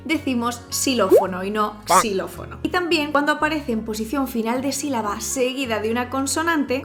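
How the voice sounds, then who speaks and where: A woman from Spain with a Peninsular Spanish accent, explaining language in a cheerful, expressive, chatty vlog style. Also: a little high. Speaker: language YouTuber. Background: background music.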